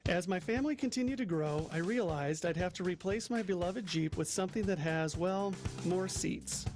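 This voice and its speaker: A man reading a scripted ad in a friendly, conversational tone. His voice is high for a man. Music plays clearly underneath. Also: normal speed, a little mellow. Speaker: ad announcer. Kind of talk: scripted ad read.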